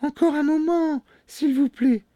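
Storybook figure: a terrified young wife put on by a man, high pleading falsetto, dry close sound. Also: steady tone, unhurried, mellow, dry recording. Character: young, frightened, pleading noblewoman. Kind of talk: storybook reading.

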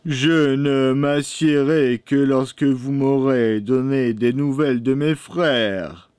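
A man's voice: mid-range voice, fairly even intonation, slow pace, a little mellow, clean tone, no room sound, lightly acted. A man voicing a clever, bold youngest brother who speaks firmly and defiantly in a storybook reading. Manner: firm, defiant. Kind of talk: storybook read-aloud.

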